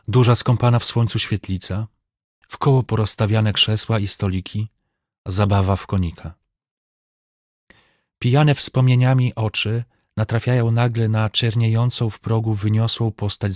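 A man reading a novel aloud as an audiobook narrator, in a measured literary manner. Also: lowish voice, no room sound, studio quality.

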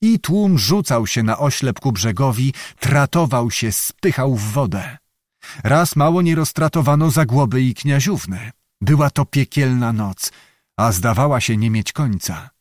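Expressive male audiobook narrator. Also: medium pitch, measured pace, no echo, studio quality. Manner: expressive dramatic reading. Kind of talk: audiobook narration of a historical novel.

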